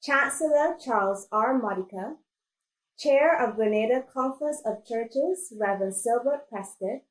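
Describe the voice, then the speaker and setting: A woman's voice: a little high, roomy sound, rough recording. A woman from Barbados, the graduating class speaker, reading a formal speech of thanks.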